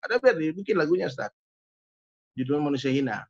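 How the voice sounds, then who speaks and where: A man with a Riau Malay accent, a guest musician telling a story in an animated way and often addressing his host. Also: on the high side, fairly quick, lo-fi sound. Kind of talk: storytelling in conversation.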